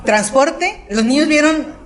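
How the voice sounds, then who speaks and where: A woman with a Mexican accent giving a missionary testimony in church, telling her stories in a lively way and acting out what people said. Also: takes it slowly, a little hiss or hum. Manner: animated storytelling, acting out quotes in a high voice. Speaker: missionary speaker.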